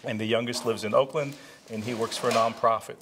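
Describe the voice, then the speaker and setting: A man in his sixties, born in Israel and raised in New Jersey, answering interview questions in an unhurried way with many pauses and restarts. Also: medium pitch, fairly even intonation, background noise. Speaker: interviewee, retired chiropractor.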